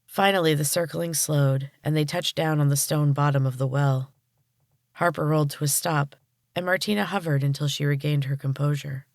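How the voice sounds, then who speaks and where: A woman podcast host narrating a storybook chapter in a calm, measured way. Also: deep voice, no room sound, clean studio sound.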